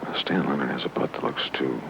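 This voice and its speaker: A man with an extremely low, creaky voice commentates on golf from the course. He talks in a folksy, conversational way, often hushed near the putt. The old broadcast recording is dull, with loud outdoor noise behind him. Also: fast.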